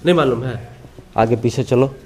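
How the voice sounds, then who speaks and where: A man's voice: medium pitch, moderate pace, a little mellow. A man working as a field reporter, questioning students on the spot in a school classroom in an informal, prodding way.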